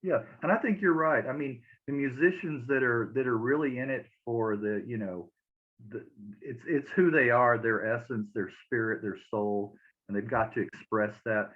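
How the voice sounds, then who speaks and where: A man's voice: mid-range voice, normal speed. Man, interview host, agreeable, reflective, tinny phone sound. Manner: short agreeing replies and reflective remarks. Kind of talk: casual interview.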